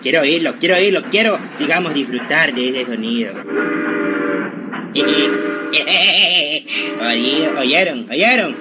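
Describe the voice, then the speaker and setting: A man's voice: on the high side, expressive, normal speed, hardly any pauses, loud music behind the voice, natural voice. An actor playing a young man obsessed with trains who slips out of his mother's requests, in a radio drama. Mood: excited. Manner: evasive, teasing, slippery excuses.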